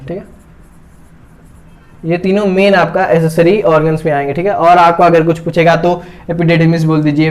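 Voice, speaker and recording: A man's voice: a little high, a little mellow. A man teaching biology while drawing a diagram, repeating each term and checking in constantly with his students. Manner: repeats terms, checks in with "theek hai" constantly.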